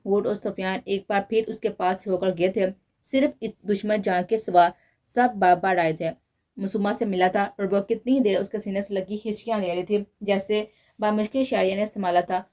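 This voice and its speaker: A woman narrating a romance novel in a steady storytelling manner. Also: mid-range voice. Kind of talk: novel reading.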